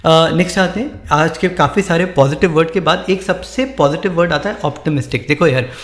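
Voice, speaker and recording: Male teacher, casual vocabulary lesson, somewhat high voice, slow careful English examples, echoey room. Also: fairly bright tone. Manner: speaks Hindi mixed with English, reads English examples slowly; frequent "ठीक है" check-ins, encouraging.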